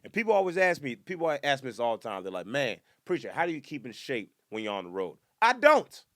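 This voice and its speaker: With a quick pace and studio-quality sound free of room noise, a man in his twenties does a lively, casual comedy podcast monologue. His imitations of other people erupt in loud, high-pitched bursts.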